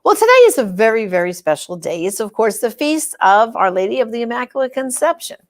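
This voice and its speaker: A middle-aged woman hosts a religious program, delivering a devotional talk in a fairly high, expressive voice at a fairly quick pace. Her manner is conversational and explanatory, with emphasis placed on key words.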